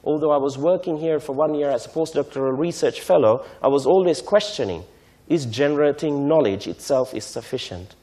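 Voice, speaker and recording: Mellow-voiced man. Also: a little high, expressive. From Sri Lanka. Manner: measured, explanatory, often checks in with "right?". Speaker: invited speaker on technology transfer. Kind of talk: lecture to a conference audience.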